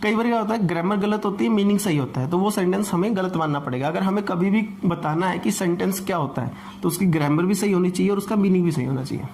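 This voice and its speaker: A man's voice: high voice, fast, creaky, few pauses, darkish tone, a little hiss or hum. A man teaching an English grammar class, explaining patiently and repeating points, often asking rhetorical questions.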